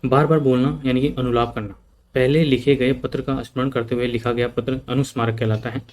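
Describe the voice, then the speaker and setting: A man's voice: medium pitch, flat delivery, fairly quick, a little mellow. A man teaching an exam prep lesson, repeating word lists and checking in with "okay" often. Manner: repeats points with frequent "ठीक है" checks; mixes English terms into Hindi explanation.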